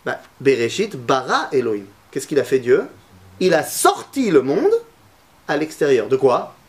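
A man's voice: medium pitch, big pitch swings, a little slow. A man teaching a Torah lesson to a class, asking his students questions and mixing Hebrew terms into his talk.

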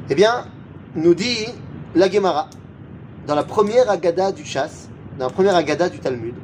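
Man, high voice, unhurried Torah teacher, chants verses, asks and answers questions, faint vehicle rumble. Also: a little mellow. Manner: poses rhetorical questions and answers them; chants Hebrew verses between French explanation. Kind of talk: religious lesson.

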